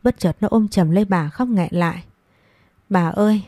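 A woman storyteller giving a steady, scripted narration of a story. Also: lowish voice, brisk, no echo, studio quality.

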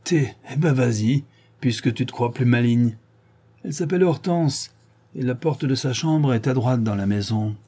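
A man's voice: mid-range voice, moderate pace, dark tone, husky, pitched above the performer's own voice, close to an everyday voice. A man voicing a bad-tempered old farmer and father who roars and mocks in coarse words. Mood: gruff. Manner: roaring, coarse, mocking.

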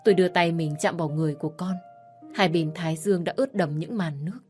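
A woman's voice: fairly low pitch, fast talker, a little mellow. A woman narrating a sad first-person story with an emotional delivery. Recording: faint background music.

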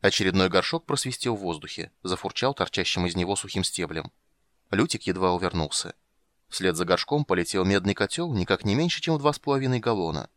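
A man reading a fantasy story aloud in an expressive audiobook narration. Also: low voice, brisk, no echo. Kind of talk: scripted narration.

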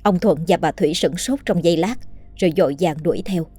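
Husky, dark-voiced woman reading a horror story. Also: fairly low pitch, soft background music. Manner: steady, measured storytelling. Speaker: narrator. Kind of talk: scripted horror story narration.

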